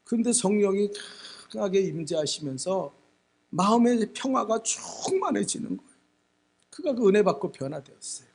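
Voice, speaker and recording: Male preacher, husky tone, lifted pitch, emphatic story-driven delivery. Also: animated, normal speed, darkish tone. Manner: emphatic storytelling, repeats words for stress. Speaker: pastor. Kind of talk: sermon.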